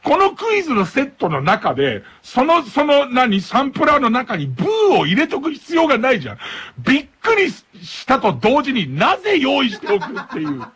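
Animated, laughing late-night radio host. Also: male voice, very high voice, moderate pace, slightly rough. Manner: laughing, incredulous ranting.

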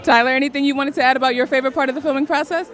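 A woman with a medium-high voice works as a red carpet interviewer. She asks chatty questions into a handheld mic while a crowd murmurs faintly behind her. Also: fairly even intonation, very fast, fairly bright tone, faint music behind. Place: red carpet press wall at an event.

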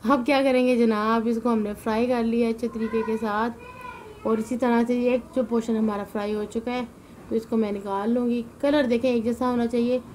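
A woman narrates her home cooking in an easy, chatty way, scattering devotional exclamations through her talk. She sounds tired and weary from fasting. The voice-over carries a clearly audible noise floor. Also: a little high, little pitch movement, a little mellow, rough recording. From Punjab, Pakistan. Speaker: cooking channel host. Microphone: voice-over mic, not in the pictured kitchen.

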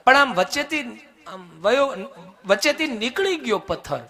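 A man voicing a poor elderly widow who speaks softly and imploringly, sobbing as she pleads. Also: extremely high pitch, animated, normal speed, voice pushed up, full character voice. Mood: pleading, tearful.

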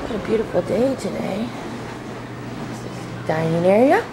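A woman's voice: mid-range voice, lively intonation, normal speed, noisy background. A woman filming a home video tour of a rental, recorded on old camcorder audio, pointing out rooms in an offhand way. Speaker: home video camera operator. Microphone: built-in camcorder mic.

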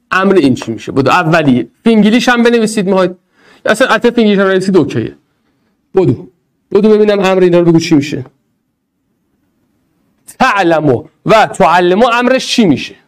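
A man teaching Arabic grammar in an energetic, playful way, speaking straight to his students. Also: high voice, long pauses. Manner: animated, playful, addresses students directly. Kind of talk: energetic online lesson.

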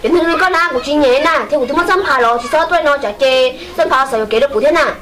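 A woman acting in an amateur drama, talking in a rapid, chattering way. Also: high voice, a bit bright.

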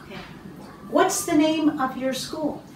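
A middle-aged woman from Canada, an English teacher giving a speaking test, slow and encouraging with many ums and throat clears. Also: high-pitched, a little hiss or hum. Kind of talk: slow, patient test interview. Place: small classroom office, indoors. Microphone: far camera. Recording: roomy, distant camera sound.

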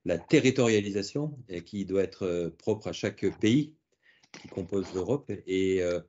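Man with a very deep, dark voice. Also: animated, slight background noise. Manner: measured, halting, with repeated words. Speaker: director of a regional health agency, guest. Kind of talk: video call discussion. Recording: dull lo-fi video call audio.

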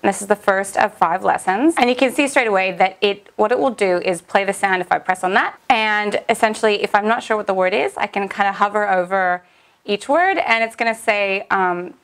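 A woman's voice: medium pitch, brisk, fairly bright tone. Young woman, upbeat and chatty, casual vlog review delivery. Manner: upbeat and chatty, with frequent fillers. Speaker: language-learning vlogger. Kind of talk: casual app review chat.

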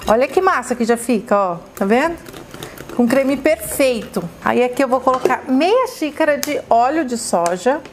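Woman, Brazilian Portuguese accent, high voice, effusive cooking host, chatty demo, faint background hum. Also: lively intonation, normal speed. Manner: effusive, calls viewers "my loves", exclamatory.

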